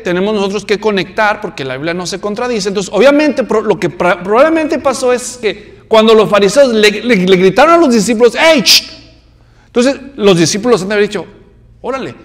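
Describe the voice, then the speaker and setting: A man's voice: high voice, long reverb tail. A man preaching a sermon, telling the story vividly and putting questions to the congregation. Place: church.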